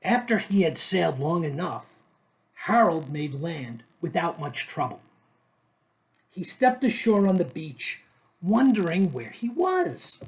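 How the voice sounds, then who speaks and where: Male storybook reader, slow delivery, animated intonation, short measured phrases. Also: on the high side, low-quality recording. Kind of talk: expressive children's story read-aloud.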